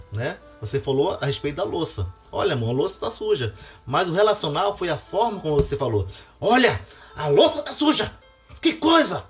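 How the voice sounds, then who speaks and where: A middle-aged Brazilian pastor, a man, giving a devotional talk on family and acting out quoted lines. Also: a little high. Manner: animated, acts out quoted lines. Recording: dull lo-fi with faint music.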